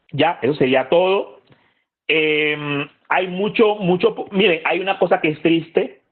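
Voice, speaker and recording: A man giving a conversational lecture to a youth group, asking the audience questions and repeating phrases for emphasis. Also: fairly high pitch. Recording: tinny phone-like audio.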